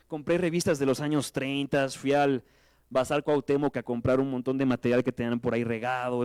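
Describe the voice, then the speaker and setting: Mexican man telling an animated story. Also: medium pitch, clean tone, dry recording. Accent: Mexican Spanish. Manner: animated storytelling, self-mocking, slangy. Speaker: guest speaker. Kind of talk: conference talk. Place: lecture hall with audience.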